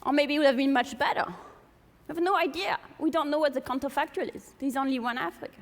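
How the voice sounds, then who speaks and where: Speaking quickly in a high voice, a woman from France with a heavy French accent lectures an audience in a big hall and poses plenty of rhetorical questions. The sound has a long, reverberant hall echo.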